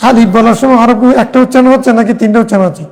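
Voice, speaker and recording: A man's voice: extremely high pitch, fairly even intonation, rapid-fire, creaky, darkish tone, in a large hall. A man teaching a hadith class, explaining step by step and asking his students questions that he answers himself. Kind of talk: religious class lecture.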